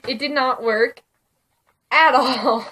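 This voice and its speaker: A woman's voice: high voice, fairly even intonation, slow pace, recorded from a distance. Giggly woman reading a spooky story. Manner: giggly, playful, drops to a hush for suspense. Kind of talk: casual storytelling and vlog chat.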